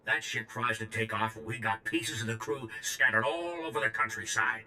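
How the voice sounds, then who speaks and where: In video game character dialogue, a man voices a brash, slangy reprogrammed droid, speaking bluntly and informally with a robotic edge and an urgent, brash mood. His voice is fairly low and sharp, level in tone, at a moderate pace, with slight hiss or hum.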